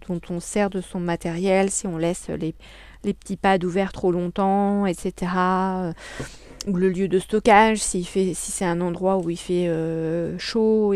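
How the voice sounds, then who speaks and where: A woman's voice: on the low side, vocal fry, warm tone, no echo. A woman chatting casually in a crafting haul vlog, hesitating often with many fillers. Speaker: crafting vlogger. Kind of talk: casual haul video chat.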